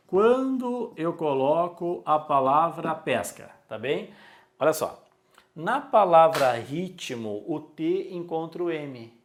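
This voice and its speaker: A man, teaching a recorded exam-prep lesson and repeating key words for emphasis. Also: a little high.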